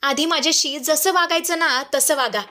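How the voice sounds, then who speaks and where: A woman's voice: sits high, moderate pace, sharp tone, pitched above the performer's own voice. Woman doing a pleading young bride. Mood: tender. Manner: pleading, emotional.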